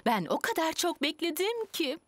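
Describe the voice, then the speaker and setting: A woman voicing a brisk, dutiful lady rabbit firefighter in a dubbed preschool cartoon. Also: very high voice, very animated, no echo. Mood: matter-of-fact. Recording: music behind the voice.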